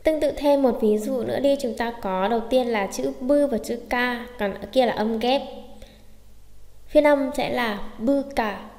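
A woman's voice: a little high, normal speed, hardly any pauses, a little mellow, echoey room, in a large hall. A woman teaching a language lesson in a questioning, self-answering way, explaining how to read and type words. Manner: asks questions then answers them herself. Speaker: Japanese teacher.

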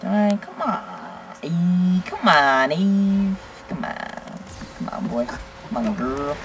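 Excitable teen boy commenting on gameplay. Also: high voice, takes it slowly, slight background noise, low-quality recording. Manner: excitable, blurting exclamations and teasing. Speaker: gaming channel host. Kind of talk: live gameplay commentary with chat.

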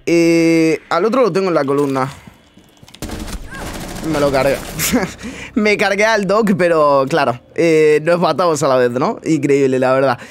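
Gaming streamer, male, fairly high voice, muttering and incredulous. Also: a little slow, pauses often, a little hiss or hum. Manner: incredulous, muttering asides to himself. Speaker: gaming YouTuber. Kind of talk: casual gameplay commentary.

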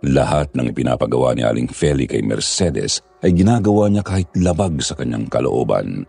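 A man narrating a scripted horror story in a grave, measured storytelling manner. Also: very deep voice, lively intonation, creaky, a little mellow, husky.

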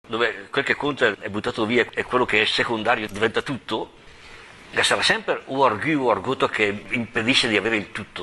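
A middle-aged man leads a parish Bible lesson in a casual, talkative manner. He retells the story with dramatic quoted lines and laughing asides. His voice is bright and forceful, over a faint hum of room noise. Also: mid-range voice. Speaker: parish priest teaching the Bible.

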